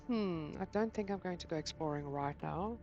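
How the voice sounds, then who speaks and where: A woman hosting a gaming channel, chatting casually to herself as she plays, excitable and quick to swear mildly. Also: fairly low pitch, dull audio, faint music behind. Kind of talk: casual gameplay commentary.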